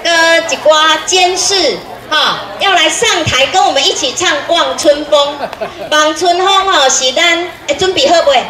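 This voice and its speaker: A woman's voice: high-pitched, unhurried. A middle-aged woman with a Taiwanese accent hosting a community stage event, calling out to the audience in a folksy way with repeated urgings. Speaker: event host. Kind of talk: live stage announcing in Taiwanese Hokkien. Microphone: handheld microphone through PA speakers. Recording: echoey outdoor PA with crowd noise. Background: crowd noise.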